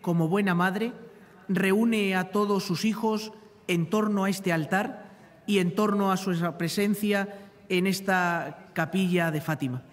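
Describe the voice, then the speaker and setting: A middle-aged priest gives a reflective homily. His voice is notably high for a man and echoes long through the chapel. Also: steady tone, a little slow. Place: large open chapel, lectern microphone. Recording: long reverberant chapel echo.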